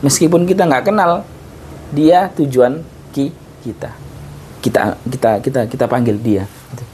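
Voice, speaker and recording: A male teacher gives an informal recorded grammar lesson in a medium-pitched, darkish voice at a moderate pace, with slight background noise. His casual, repetitive classroom talk is full of tags like "ayo" and "gitu," and he often breaks off mid-word to restart.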